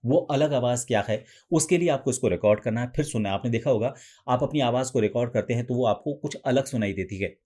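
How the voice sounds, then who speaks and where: A man coaching voice practice, explaining each step patiently and now and then demonstrating sample lines in a raised, softer pitch. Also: fast talker. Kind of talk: instructional explanation.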